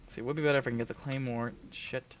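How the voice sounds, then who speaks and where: Speaking in rapid-fire bursts with a medium-pitched, fairly even voice, this young gaming commentator plays a shooter at home, with slight background noise. Over his desk mic he rambles, curses, and talks casually with viewers in a small room, let's-play fashion.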